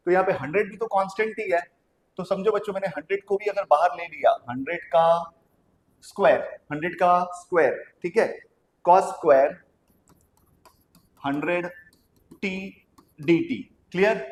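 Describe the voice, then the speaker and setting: A man teaching physics, working through exam problems step by step and checking in with the class. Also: high-pitched. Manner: talks the class through steps with quick checks like "clear?". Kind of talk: exam problem-solving lesson. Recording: echoey room with faint noise.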